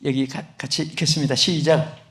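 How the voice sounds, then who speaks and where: High-voiced older Korean pastor preaching. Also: male voice, steady tone, fairly quick, a bit bright. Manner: dramatic preaching, acts out voices in stories, calls to the congregation. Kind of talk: sermon. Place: large church sanctuary. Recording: echoey church hall.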